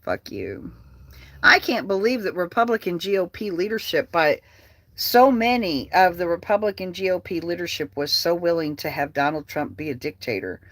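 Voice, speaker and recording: A heated political vlogger rants in a profane, repetitive way, circling back to the same complaints again and again. The voice sits at a middle pitch and sounds dry and close. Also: fairly bright tone, dry recording. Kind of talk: angry political rant.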